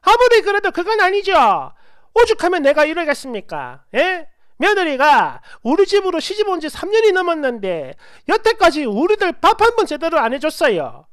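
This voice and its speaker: A shrill, loud, nagging mother-in-law in a radio story, put on by a woman narrator. She barks her complaints in a high, pushy, swooping voice over a dry, close recording. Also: sing-song, normal speed, no echo. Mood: indignant. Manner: shouting, picking fights. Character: shrill scolding middle-aged mother-in-law.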